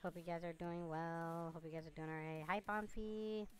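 A woman talking through a voice changer that shifts her pitch down, chatting playfully with her stream and greeting viewers by name on a headset mic. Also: little pitch movement, moderate pace, clear, resonant tone, faint music behind. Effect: voice changer, deep pitch shift. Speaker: game streamer. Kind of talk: casual live-stream chat.

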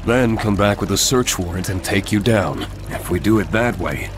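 A firm, fairly low-voiced detective from a video game acted by a man. He speaks seriously and plainly over loud music. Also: normal speed, close to an everyday voice. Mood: stern. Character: firm, serious adult male police detective.

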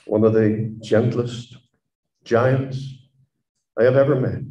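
A man's voice: medium pitch, fairly even intonation, takes it slowly, warm tone, echoey room, rough recording. A man preaching a sermon in an impassioned, emphatic manner.

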